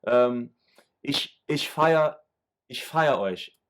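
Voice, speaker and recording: With lively intonation but extremely slow speech, a medium-pitched American YouTuber rambles through an explanation of German rap lyrics, restarting sentences often. There's slight background noise.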